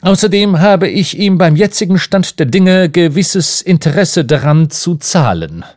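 A man's voice: a little high, animated, unhurried, darkish tone, no echo, voice pushed up. Man doing a cool practical guy, plain talk, dry sound. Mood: calm. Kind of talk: audiobook character reading.

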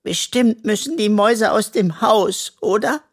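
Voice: sing-song, a little slow, gravelly, fairly bright tone, full character voice. A narrator doing a timid little raccoon boy. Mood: tearful. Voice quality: high, plaintive voice. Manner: sighing, sheepish, then proud. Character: small male raccoon, secretive and sensitive.

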